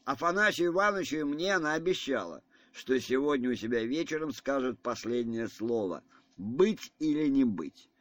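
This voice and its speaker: A man voicing an agitated, insistent elderly general in an audiobook reading, speaking in an excitable manner. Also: mid-range voice, normal speed, no room sound, lightly acted.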